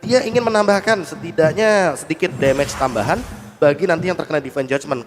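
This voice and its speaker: A man's voice: fairly high pitch, noisy background. A man with an Indonesian accent giving analytical esports commentary, explaining tactics to the viewers.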